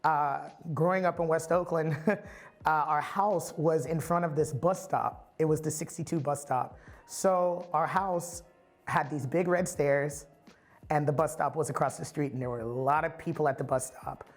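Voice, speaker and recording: A man's voice: a little high, moderate pace, soft background music. A man from the Bay Area giving a candid, reflective personal testimony as a storyteller. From San Francisco Bay Area.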